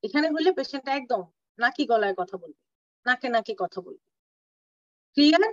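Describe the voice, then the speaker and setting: A woman gives an online clinical lecture, slowing down to spell out medical terms and stopping to ask if everyone follows. She sounds set back from the mic on a dull, lo-fi call with a dry, dead sound. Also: a little high, animated, no room sound. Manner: explains terms slowly, mixing English terms, checks understanding. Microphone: video call. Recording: distant, dull lo-fi audio, dry.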